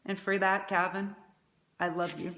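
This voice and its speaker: A woman's voice: medium pitch, level tone, a little slow, a bit bright. A middle-aged woman giving a prepared eulogy as a mother, speaking in a tender, faltering way. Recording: echoey room.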